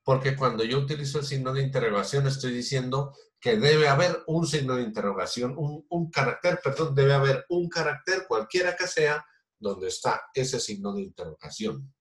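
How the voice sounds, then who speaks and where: In a recorded online programming class, a man explains patiently step by step, using many fillers and restarts. His mid-range voice has lively intonation at normal speed, and the recording has a roomy echo.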